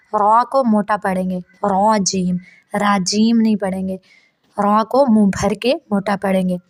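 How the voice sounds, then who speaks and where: A woman's voice: on the high side, dry recording. A woman teaching Quran recitation, explaining each sound step by step and demonstrating it. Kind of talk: tajweed lesson.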